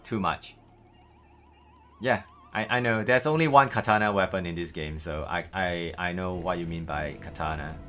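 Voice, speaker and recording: A man with a Malaysian accent talks in a low, bright and forceful voice. He chats casually as a game streamer, hesitating and doubling back on his words, with music playing behind him. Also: moderate pace. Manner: hesitant, repeats words, often says "man". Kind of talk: casual livestream gaming chat.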